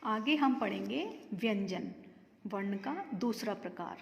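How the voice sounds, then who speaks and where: Slow, patient woman teaching children. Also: medium pitch, darkish tone. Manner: slow, drawn-out word demonstrations, asks and answers own questions. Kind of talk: Hindi grammar lesson for children. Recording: dull, echoey room with long reverb.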